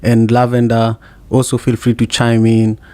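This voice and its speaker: A man's voice: mid-range voice, monotone, normal speed, warm tone, clear, resonant tone, no room sound. A man hosting a live audio room, graciously thanking his guests and passing the floor. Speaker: podcast host.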